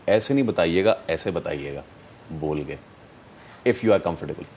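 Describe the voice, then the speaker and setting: A man's voice: deep voice, animated, darkish tone, a little hiss or hum. A man hosting a morning talk show, interviewing a guest in a conversational way and mixing in English phrases. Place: TV studio.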